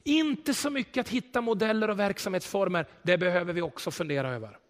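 A man preaching a sermon in a church, telling stories with animation, swelling loud for emphasis and then dropping quiet. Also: high-pitched, in a large hall. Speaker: pastor.

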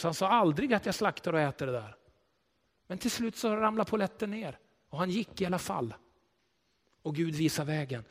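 A male pastor delivers a sermon with lively storytelling energy. His voice sits fairly high, rising loud on key points and sinking to a hush when he prays. Long reverb trails off the walls of the church hall. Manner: animated storytelling preacher, swells loud for emphasis then drops quiet.

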